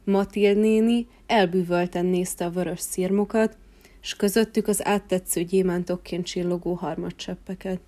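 A woman calmly reading a children's fairy tale aloud in a gentle narrating voice. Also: fairly low pitch. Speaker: storyteller. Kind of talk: storybook reading.

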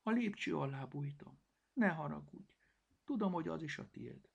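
A man's voice: a little high, lively intonation, vocal fry, slightly rough, voice pushed up, heavily acted. A man doing a thin, timid little kitten. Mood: timid, grateful. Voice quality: thin, small voice. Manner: shy, apologetic.

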